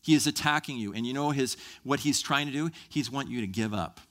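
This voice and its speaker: A male pastor preaching a sermon to his congregation, animated and emphatic, building in intensity. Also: mid-range voice, fairly quick.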